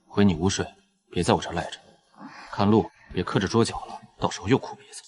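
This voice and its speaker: A man's voice: deep voice, fast talker, a crowd in the background, natural voice. A man playing a cheeky, money-minded young nobleman in a dramatised story, wry, teasing and theatrical.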